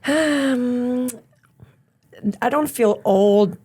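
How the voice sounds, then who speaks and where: A woman in her thirties from Germany, a gym owner chatting casually as a podcast guest, relaxed and laughing often. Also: on the high side, drawn-out words, slightly rough. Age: 30s. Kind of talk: casual interview chat.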